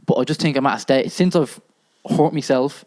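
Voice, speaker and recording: A man's voice: medium pitch, fairly quick, a little mellow. A man on a podcast, talking in casual chat and rambling hesitantly with many fillers and restarts.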